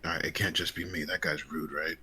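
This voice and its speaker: A man's voice: a bass voice, steady tone, fairly quick, bright, forceful tone, slightly rough. A man chatting casually as a player in a tabletop role-playing game. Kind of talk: casual chat during a game.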